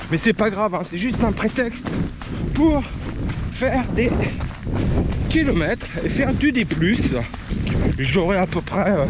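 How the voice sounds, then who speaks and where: A man's voice: high-pitched, heavy background noise. A man chatting to the camera as he runs hill repeats outdoors in the rain, casual vlog style. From France. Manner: chatty, talking to camera between climbs. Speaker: trail runner vlogger. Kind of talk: casual vlog while running.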